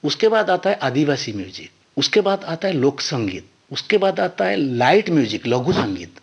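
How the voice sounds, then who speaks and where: A man's voice: on the high side, big pitch swings, moderate pace, vocal fry, slightly rough. A man, a violinist guest, explaining music step by step in an earnest, teacherly way. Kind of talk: explanatory interview talk.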